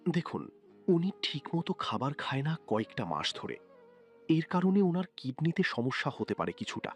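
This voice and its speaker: A man's voice: fairly high pitch, very animated, normal speed, soft background music. A man playing a doctor explaining a patient's condition in a scripted audio story. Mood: serious.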